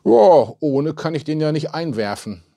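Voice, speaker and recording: A man voicing a wiry, nosy village postman who blurts things out excitedly. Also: fairly high pitch, measured pace, gravelly, voice pushed up, heavily acted. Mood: eager.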